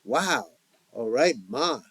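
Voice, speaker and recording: A man's voice: mid-range voice, animated, slow, fairly bright tone, husky, no echo, exaggerated voice. A man voicing a cheeky, mischievous teenage boy in a family audio story. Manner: cheeky, teasing.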